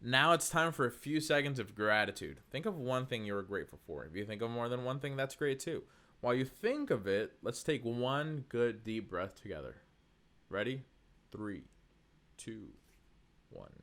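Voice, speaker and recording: A man's voice: medium pitch, expressive, moderate pace, a bit bright, slight background noise. A young man from North Carolina hosting a podcast, delivering an upbeat scripted monologue in an earnest, encouraging way. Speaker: podcast host.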